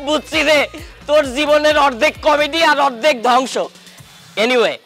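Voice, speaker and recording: A brash, teasing young friend. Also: male voice, extremely high pitch, moderate pace, soft background music, heavily acted. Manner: teasing, mocking, loud. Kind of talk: comic drama acting.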